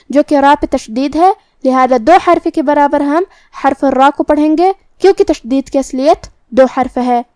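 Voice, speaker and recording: A woman with a high voice teaches the rules of Quran recitation. She goes through each letter in a calm, methodical way. The recording is dry and close, with no room sound. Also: no echo. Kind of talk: tajweed lesson, explaining rules.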